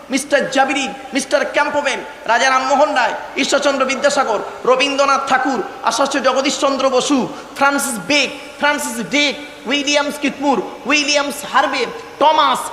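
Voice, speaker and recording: A man delivers a declamatory sermon in a very high, bright, forceful voice, repeating his phrases and calling his listeners "baba". He sounds like he is in a large hall with a long, echoing reverb. A faint murmur of ambience sits behind him. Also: a little hiss or hum. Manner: chants Arabic verses slowly. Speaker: preacher. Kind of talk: Bengali waz sermon to a gathered audience.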